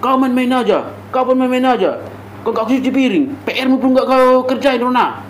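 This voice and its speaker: An actor playing a hot-tempered father with a Batak accent, who scolds loudly and later turns meek and apologetic. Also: very high voice, normal speed, slight background noise, rough recording. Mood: coaxing. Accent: Batak Indonesian. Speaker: father of the household. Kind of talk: amateur family drama acting.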